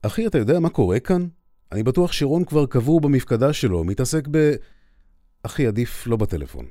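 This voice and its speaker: A man voicing a hurried young male soldier friend talking on a bad phone line. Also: medium pitch, big pitch swings, mellow, dry recording, studio quality, pitched above the performer's own voice, close to an everyday voice. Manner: hurried, incredulous.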